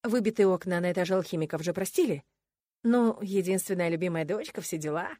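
A cool, unflappable young man in a fantasy audiobook, played by a woman reader who teases in an even, dry tone without raising his voice much. The recording is dry and close. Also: lowish voice, fairly quick, no echo, lightly acted. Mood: matter-of-fact. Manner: mocking, calm, teasing.

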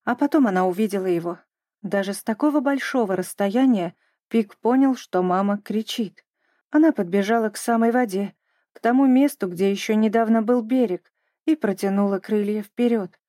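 A woman narrating a children's story in a gentle, even storytelling manner. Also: medium pitch, normal speed, dry recording, studio quality.

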